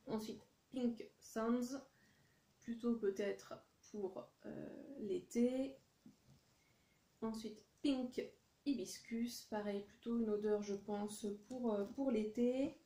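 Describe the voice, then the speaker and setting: A woman's voice: fairly high pitch, fairly even intonation, warm tone, echoey room. A French-speaking woman filming a casual haul vlog, talking in a chatty, hesitant way with many fillers. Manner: reads English product names in a deliberate French accent. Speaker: vlogger showing a haul.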